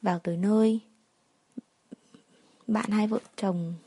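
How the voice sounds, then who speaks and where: A woman narrating a first-person story in a soft, sorrowful way. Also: mid-range voice, steady tone, slow pace, husky.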